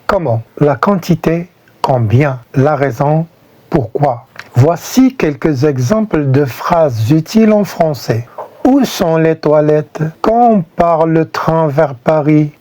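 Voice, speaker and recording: A man with a slightly high, mellow voice reads a French lesson. He speaks very slowly and deliberately, and he says each example phrase clearly. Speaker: French teacher. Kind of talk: slow scripted lesson narration.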